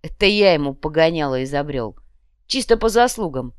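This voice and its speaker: A woman's voice: deep voice, animated, normal speed, clean tone, dry recording, studio quality. A woman doing a swaggering short red-cap thug boss. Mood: boastful. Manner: swaggering, slangy, loud. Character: short boastful male red-cap gang boss, crude. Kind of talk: audiobook character voice.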